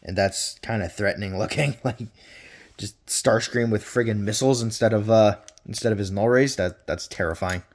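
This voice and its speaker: A man's voice: lowish voice, moderate pace. A man chatting casually through a toy review with playful swearing, his voice carrying a noticeable room reverb.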